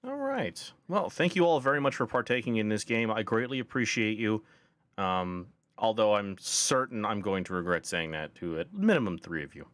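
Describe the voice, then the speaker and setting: A man running a tabletop game as game master, joking and relaxed, sometimes stumbling over words. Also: on the low side, moderate pace, no echo. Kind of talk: casual game hosting.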